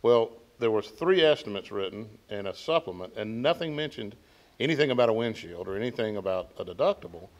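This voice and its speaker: A man's voice: lowish voice, expressive, fairly quick. A man on a car-repair panel, speaking bluntly and directly on a handheld mic in a showroom. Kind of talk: panel discussion.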